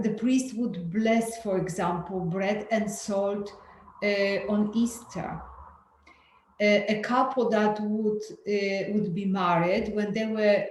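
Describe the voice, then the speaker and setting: A woman from Poland with a mid-range, darkish voice joins a group talk over a video call as a guest. She speaks candidly but hesitantly, using frequent fillers and restarts, and the room sounds echoey with faint ambient noise.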